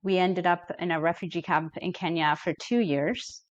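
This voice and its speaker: On a podcast, a middle-aged woman from Ethiopia, working as a therapist, talks as a guest with an earnest, thoughtful and measured manner. The audio is muffled and free of echo, and her voice sits fairly low.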